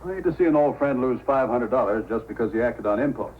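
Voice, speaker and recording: Man as Sergeant Preston, animated radio Mountie. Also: mid-range voice, fast talker, a little hiss or hum, natural voice. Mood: steady, concerned. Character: steady, caring male Mountie sergeant with dog. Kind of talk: old-time radio acting. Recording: dull old radio recording with music.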